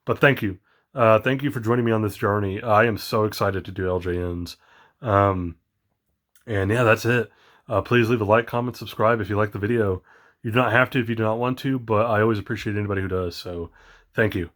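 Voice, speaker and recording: A man talks casually in a slightly low voice, full of ums and uhs as he rambles. He sounds excited but tired, as if it is late at night. The delivery is loose and unscripted, like a hobby vlog. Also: fairly quick. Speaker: toy collector vlogger.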